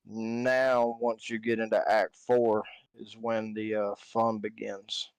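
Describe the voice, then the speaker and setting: A man in a casual game-stream chat, talking haltingly and searching for his words. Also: on the low side, flat delivery, clean tone, no echo, low-quality recording. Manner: slow, hesitant, searches for words. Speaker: guest co-streamer.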